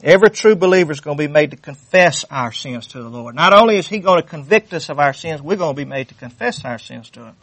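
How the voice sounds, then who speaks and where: A man's voice: fairly high pitch, animated, quick pace, few pauses, fairly bright tone, no room sound. A man preaching a sermon, fervent and repetitive, reading scripture aloud with rising intensity. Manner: fervent, repeats phrases, reads scripture aloud.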